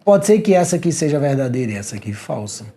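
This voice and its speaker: Lively Brazilian male teacher. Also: a little high, fast. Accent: Brazilian Portuguese. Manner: animated, slangy, talks straight to the viewer. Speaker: exam prep teacher. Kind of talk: energetic video lecture.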